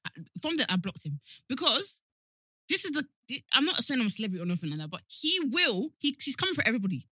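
A woman's voice: high voice, big pitch swings, fast, bright, forceful tone, breathy edge, dry recording. A woman with a London British accent co-hosting a casual, opinionated chat, speaking emphatically and repeating words for emphasis. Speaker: podcast co-host.

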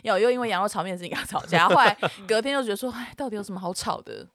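A woman with a Taiwanese Mandarin accent, co-hosting a podcast and telling stories in an animated way, acting out the quarrels she describes. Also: mid-range voice, racing, dry recording, clean studio sound. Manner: animated storytelling, acts out quarrels. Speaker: podcast co-host. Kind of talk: casual chat.

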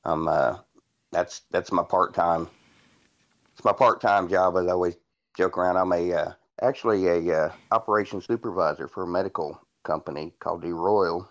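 A man in his forties from Indiana speaks in a very low voice, telling his story casually and rambling with fillers and restarts. His audio sounds dull and lo-fi, as over a call. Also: steady tone, moderate pace. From Indiana, USA. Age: 40s. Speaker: podcast guest.

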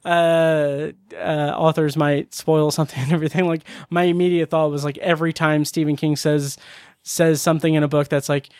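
This is a chatty male podcast co-host with a higher-pitched voice, swearing casually and rambling through his thoughts. The sound is close and dry, with no room echo. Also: little pitch movement, normal speed, a little mellow, clear, resonant tone. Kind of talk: casual chat.

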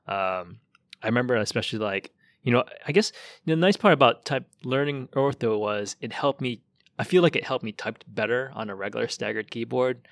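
Gravelly-voiced podcast guest. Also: male voice, medium pitch, dry recording. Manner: relaxed, thoughtful storytelling with fillers. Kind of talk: casual chat.

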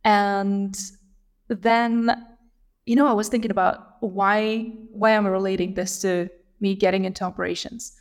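A woman's voice: medium pitch, little pitch movement, measured pace. A woman in her thirties from Lithuania, a guest on an interview show, talking thoughtfully about her path into her work. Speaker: guest, operations leader. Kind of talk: casual interview.

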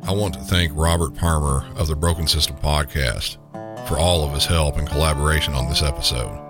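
Guy w a deep south accent reading true crime podcast script, super deep voice, guitar music behind him. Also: brisk. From southern United States. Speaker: podcast host.

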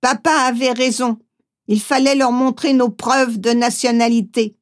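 Woman reading a memoir slowly. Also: on the high side, fairly even intonation. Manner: reads gently, acts out quoted voices. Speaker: audiobook reader. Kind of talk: first-person memoir narration.

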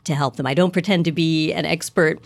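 A woman talking about chocolate in an enthusiastic, effusive way, laughing often and leaping up in pitch when excited. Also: fairly quick, vocal fry. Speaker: chocolate wholesaler and marketer, guest. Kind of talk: enthusiastic casual chat.

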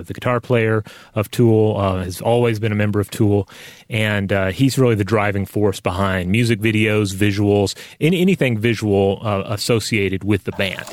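Halting man with a lowish voice. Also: no room sound, studio quality. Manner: halting, hesitant phrasing. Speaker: podcast co-host. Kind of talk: casual explanatory talk.

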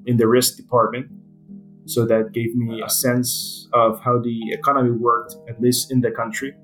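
A man's voice: mid-range voice, flat delivery, moderate pace, fairly bright tone, faint music behind, poor audio. A man in his thirties from Ecuador, speaking English as a guest, answering with many fillers and restarts. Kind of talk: casual interview answers.

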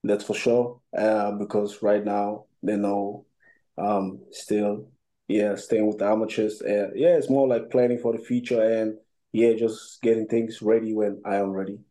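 A young man from Cameroon talks about his boxing career in a halting, filler-heavy way. His voice is low and very dark, and his pitch stays flat. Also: poor audio. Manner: hesitant, many fillers and restarts. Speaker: amateur boxer. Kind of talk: casual interview answers.

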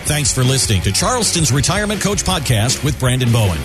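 A man's voice: mid-range voice, big pitch swings, fast talker, music in the background. A man reading a scripted podcast outro as an announcer. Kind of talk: scripted promotional read.

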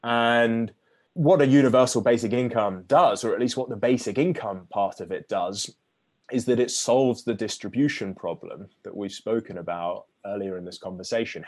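A man with a lowish voice talks through an argument as an interview guest. He speaks in a measured, lecturing way, sometimes restarting mid-phrase. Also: darkish tone. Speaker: author guest. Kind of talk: explaining ideas in an interview.

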